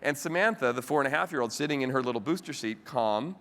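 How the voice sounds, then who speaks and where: A man giving a motivational keynote speech to a convention audience and telling a family story with animated energy. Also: medium pitch, quick pace. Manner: animated storytelling with the audience, voice rising sharply when telling a funny part. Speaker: keynote speaker. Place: large convention hall. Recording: live hall recording with long reverb.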